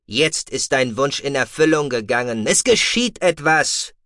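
A man voicing a calm, dry-witted male alien ship commander in an audiobook, commanding and sardonic. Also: mid-range voice, a little slow, dry recording, pitched above the performer's own voice.

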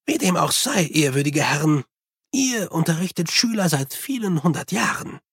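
The reader voicing an old sweeper monk with a wise, quiet temper, speaking slowly and softly in an audiobook. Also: medium pitch, expressive, breathy edge, no echo, studio quality. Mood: calm.

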